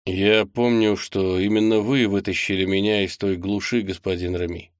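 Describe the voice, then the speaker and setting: A man's voice: sits low, level tone, moderate pace, no echo, clean studio sound, lightly acted. A man voicing a polite, deferential young male clerk in an audiobook, speaking formally and earnestly. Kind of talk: audiobook character voice.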